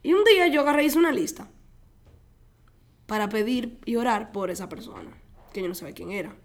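A young adult woman, a guest, telling a personal story in an animated way, laughing often and acting out her own quotes. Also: fairly high pitch, brisk.

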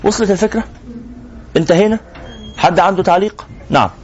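A fast-talking Egyptian sheikh with a high voice teaches religion to a live class, peppering listeners with rhetorical questions. He speaks with an Egyptian Arabic accent, and the room recording is muffled and lo-fi.

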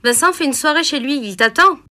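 A woman's voice: high-pitched, lively intonation, fairly quick, bright, forceful tone, exaggerated voice. A woman voicing a friendly young woman phoning a friend to invite her out, in a recorded course dialogue.

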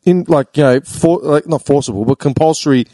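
A man's voice: fairly high pitch, fairly quick, dark tone, no room sound. An Australian man hosting a casual chat, joking and swearing freely. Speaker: podcast host.

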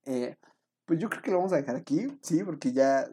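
A man's voice: fairly high pitch, animated, a little fast, warm tone, breathy edge. A young man with a Mexican accent telling a rambling, self-mocking story to his viewers, full of fillers. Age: young adult. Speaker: vlogger.

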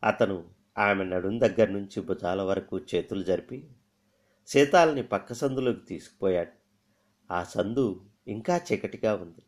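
Low-voiced man reading a story aloud. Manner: expressive, shifting pitch and loudness for emphasis.

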